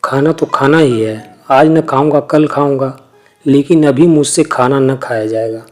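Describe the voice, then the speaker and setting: A man's voice: mid-range voice, measured pace, soft background music, natural voice. A man voicing a brooding, proud young village husband in a storybook reading, speaking irritably and bitterly.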